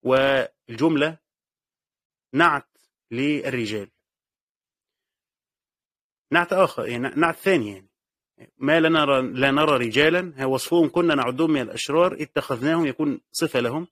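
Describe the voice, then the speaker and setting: This time the Egyptian-accented teacher's mid-range voice is a bit bright, moving at a moderate pace with frequent pauses. His Quranic exegesis lesson proceeds stepwise, with repeated key phrases and self-answered questions, in clean studio sound without echo.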